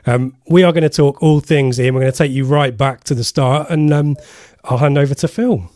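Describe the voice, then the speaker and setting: A man's voice: medium pitch, normal speed, warm tone, no echo, studio quality. A man hosting a podcast, introducing guests in a conversational way. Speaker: podcast host.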